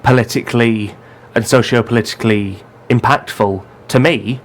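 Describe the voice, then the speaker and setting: A man's voice: medium pitch, steady tone. Opinionated man, casual podcast chat. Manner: opinionated, fast bursts of argument. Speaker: podcast host.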